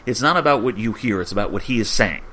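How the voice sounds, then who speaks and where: Emphatic man arguing politics on a podcast. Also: quick pace. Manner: emphatic, argumentative, lively swings in pitch. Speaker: podcast co-host. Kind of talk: casual political discussion.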